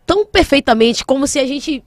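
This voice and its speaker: A young woman singer tells her story in an interview, talking very fast in a fairly high voice. She is animated and emotional, peppering her talk with casual slang. The sound is dry and close. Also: no room sound. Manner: animated, emotional, uses slang like mano and velho.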